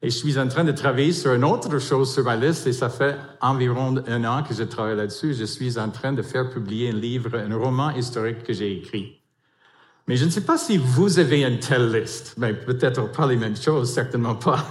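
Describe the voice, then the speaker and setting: A man in his fifties whose first language is English, giving a church sermon with an English accent, halting with many fillers and restarts. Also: medium pitch, reverberant. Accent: English-speaking, in French. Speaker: pastoral council member.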